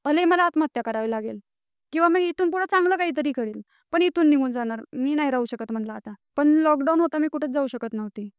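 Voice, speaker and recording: Earnest high-voiced young woman. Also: darkish tone, dry recording, clean studio sound. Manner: earnest, rising with indignation. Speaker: podcast guest. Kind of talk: emotional personal storytelling.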